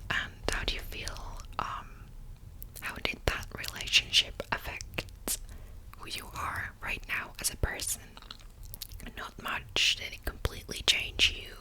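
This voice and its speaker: A woman playing an attentive, patient psychologist in a whispered role-play, actively listening and asking gentle questions in a breathy whisper with pauses. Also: natural voice, rough recording. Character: attentive, patient female psychologist in a therapy session.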